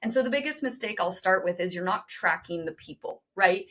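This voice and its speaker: Emphatic, fast-talking woman guest. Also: medium pitch, expressive, fairly bright tone. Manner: emphatic, direct, fast-talking, addresses listeners. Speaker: podcast guest, business co-founder. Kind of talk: energetic interview talk.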